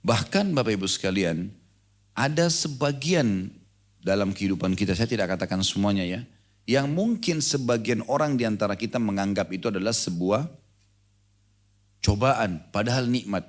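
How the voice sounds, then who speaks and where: A man's voice: lowish voice, lively intonation, normal speed, pauses often. A middle-aged man giving a live sermon to a congregation in a hall, talking conversationally and quizzing his listeners directly. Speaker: Islamic preacher. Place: lecture hall with a live audience.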